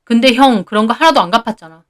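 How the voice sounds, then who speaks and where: A woman voicing a young husband who is fed up and talks back loudly and bitterly. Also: on the high side, a little fast, lightly acted. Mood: bitter shouting. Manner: loud, bitter, firm.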